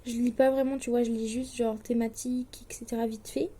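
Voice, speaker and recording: Teenage girl, from Switzerland, casual vlog chat, higher-pitched voice, hesitant with lots of fillers. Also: flat delivery, fairly quick, mellow, a little hiss or hum. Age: late teens. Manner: chatty, hesitant, with many fillers and restarts; anxious, self-deprecating. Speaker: distance-learning student vlogger.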